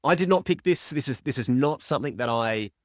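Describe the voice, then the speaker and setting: A man's voice: a little fast, no echo, clean studio sound. A man talking casually about a book he is reading, rambling and correcting himself as he goes. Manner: chatty, rambling, self-correcting, animated pitch jumps. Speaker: book reviewer. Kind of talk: casual reading-reaction vlog.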